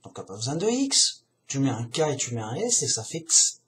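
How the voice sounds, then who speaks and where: A man's voice: medium pitch, very animated, normal speed, a bit bright. A man musing aloud in a casual, digressive monologue, slangy and chatty, often addressing the listener as a buddy.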